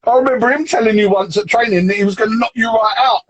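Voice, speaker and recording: Husky host guy ribbing his mate, fairly high voice, dry close sound. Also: fast, no room sound, poor audio. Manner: teasing, laughing often. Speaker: host, team manager. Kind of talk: casual chat interview.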